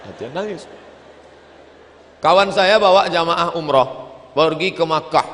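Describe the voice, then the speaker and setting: A middle-aged man preaching a humorous sermon with animated storytelling, breaking into sung verses. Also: on the high side, unhurried. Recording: long hall reverb.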